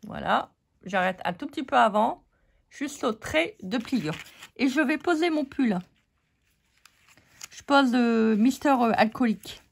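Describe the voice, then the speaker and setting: A woman's voice: fairly high pitch, expressive, measured pace, gravelly, pauses often. A woman hosting a casual card-making tutorial, joking and teasing her viewers as she works.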